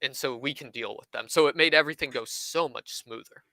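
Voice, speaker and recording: A man in his twenties, a podcast guest, telling an animated anecdote and acting out what others said. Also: medium pitch, brisk, gravelly, no echo, rough recording. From Southern California. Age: 20s. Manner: animated anecdote teller, acts out quoted voices. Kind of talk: casual storytelling chat.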